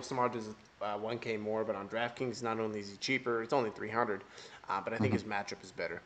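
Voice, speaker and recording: A man's voice: on the low side, a bit bright, slight background noise. A man hosting a casual fantasy baseball podcast, jokey and emphatic, swearing casually. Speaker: fantasy baseball analyst host.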